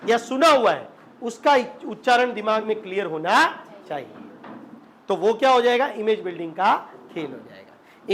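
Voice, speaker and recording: A man's voice: high-pitched, a bit bright, slight background noise. A man teaching a classroom lesson on English spelling, asking the students questions and repeating them. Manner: slips into local Rajasthani dialect.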